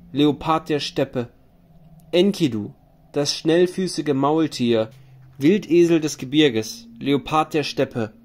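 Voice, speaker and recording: A man's voice: on the high side, a little mellow. A man reading a grieving hero king. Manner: solemn, lamenting recitation. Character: grieving male hero king, weary wanderer.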